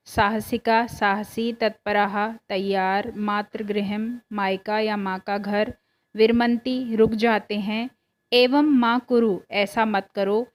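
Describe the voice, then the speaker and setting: A woman teacher explaining a lesson, reading words out slowly and carefully. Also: medium pitch. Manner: slow, careful, reads words aloud one by one.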